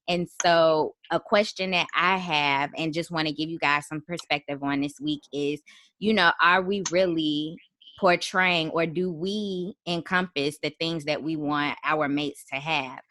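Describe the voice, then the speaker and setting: A woman in her thirties hosting a casual podcast chat, relaxed and chatty with frequent ums. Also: sits low. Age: 30s. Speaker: podcast host.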